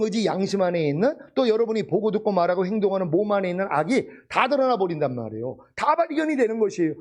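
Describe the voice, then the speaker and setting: A man's voice: sits high, a little mellow. A man preaching a sermon, asking the congregation rhetorical questions and driving each point home with emphatic repetition. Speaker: pastor.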